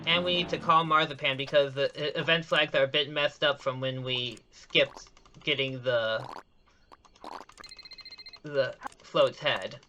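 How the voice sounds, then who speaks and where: A man commentates a speedrun live, explaining each step and frequently correcting himself or restarting mid-sentence. His voice is medium-pitched and steady with a sharp tone and a measured pace. The audio is dull, with faint music behind him.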